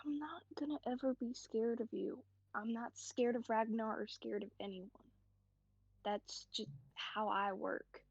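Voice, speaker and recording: A woman's voice: a little high, fairly even intonation, unhurried, creaky, husky, no echo, muffled recording, exaggerated voice. A woman playing a blunt, protective companion. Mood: reassuring. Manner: swears bluntly then soothes.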